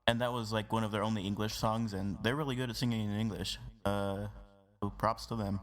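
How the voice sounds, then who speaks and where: A man's voice: lowish voice, fairly even intonation, a little fast. A man hosting a casual podcast, talking loosely with lots of fillers. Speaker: podcast host.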